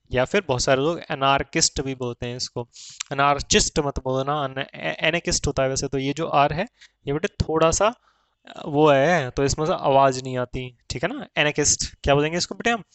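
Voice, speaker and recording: A man teaching exam vocabulary, calling viewers "beta" and checking in with rhetorical questions while reading English terms out slowly. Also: a little high, clear, resonant tone, no echo.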